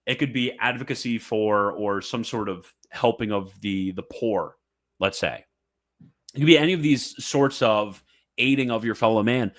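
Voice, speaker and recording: A man's voice: fairly low pitch, moderate pace, fairly bright tone. Fervent man in emphatic commentary. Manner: mocking asides. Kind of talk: animated commentary reading and reacting to a papal text.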